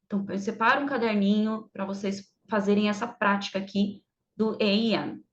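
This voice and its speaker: A woman teacher explaining English grammar in a chatty way, drawing out her English examples slowly and clearly. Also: medium pitch, steady tone. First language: Portuguese. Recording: slightly dull, lo-fi sound.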